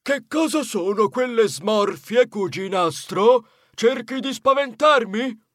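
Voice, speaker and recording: A man's voice: very high voice, a little slow, dry recording, clean studio sound, pitched above the performer's own voice. A man voicing a grumpy, boastful male mouse cousin in an audiobook, blustering and indignant. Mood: irritated. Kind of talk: audiobook character voice.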